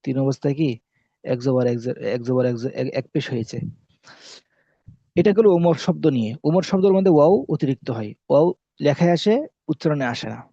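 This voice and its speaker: A man with a warm, mid-range voice teaches Arabic spelling rules in a classroom-style lesson, talking a little fast and pausing often. He repeats key points and asks questions that he then answers himself. The recording is dull and lo-fi, with no room sound.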